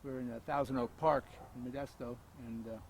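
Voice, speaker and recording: Halting man interviewing outdoors, faint noise. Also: medium pitch, fairly even intonation, gravelly. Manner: halting, restarts questions. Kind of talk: interview questions. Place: outdoors in a park.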